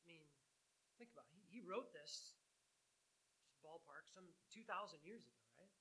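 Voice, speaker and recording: Male preacher, high and very bright voice, chatty sermon style with rhetorical questions. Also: animated, normal speed, slight background noise, rough recording. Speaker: pastor.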